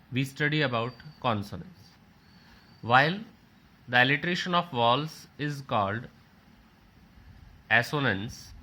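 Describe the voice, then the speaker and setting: A man lecturing on literature at an unhurried pace. His voice is bright and clear, and he repeats each definition in new words. He points his listeners through examples on a slide. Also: mid-range voice. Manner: slow, explains by restating and rephrasing.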